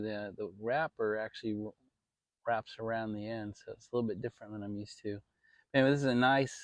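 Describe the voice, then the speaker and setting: Casual American male vlogger, easygoing and rambling, salty now and then, talking from the backyard with a dry, echo-free sound. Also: fairly low pitch. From Maryland, United States. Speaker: vlog host. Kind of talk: casual outdoor backyard chat to viewers. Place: outdoors in a shaded backyard.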